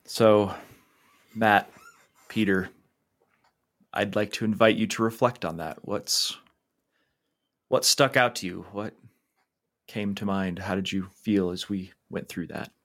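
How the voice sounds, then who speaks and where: A man hosting a podcast, calmly and gently guiding listeners through an imaginative scripture meditation. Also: low voice, a little slow. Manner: calm, gently guiding, invitational. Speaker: podcast host. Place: back porch.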